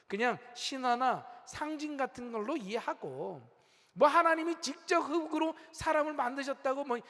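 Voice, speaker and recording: A male preacher voicing Satan as a smooth, falsely reasonable tempter coaxing believers in a sermon. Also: extremely high pitch, fairly bright tone, heavily acted. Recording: long church hall reverb.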